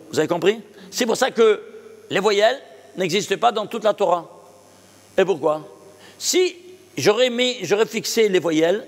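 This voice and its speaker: A man with a high voice teaches a Torah lesson as a rabbi. He keeps posing questions and answering them himself, checking that his class follows along. His voice rings through a hall with a long trailing reverb. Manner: checks understanding with the audience.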